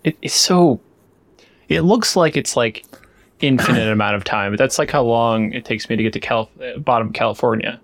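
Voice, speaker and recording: A man's voice: medium pitch, normal speed, fairly bright tone, no room sound. Playful man in casual podcast banter. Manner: playful, joking, chatty asides. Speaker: podcast co-host. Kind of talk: casual chat.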